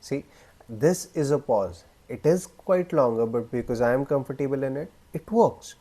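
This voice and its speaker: A man coaching viewers on confident speaking, blunt and emphatic, with deliberate pauses. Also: mid-range voice, lively intonation, dark tone. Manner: acts out weak speech examples in a raised, rising voice. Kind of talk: direct-to-camera coaching talk.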